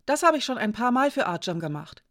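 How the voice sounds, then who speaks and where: A woman voicing a touchy, sharp-tongued young girl in a storybook, speaking high, loud and quick. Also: sing-song. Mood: rambling. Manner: high, loud and indignant, rushing.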